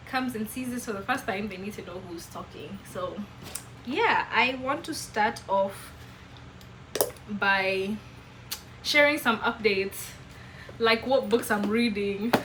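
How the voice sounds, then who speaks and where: A woman with a Kenyan accent, hosting a casual vlog and chatting to the camera with lively, emphatic jumps in her voice. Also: mid-range voice, slow pace, noisy background. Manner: animated, expressive, with sudden emphatic jumps. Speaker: vlogger host.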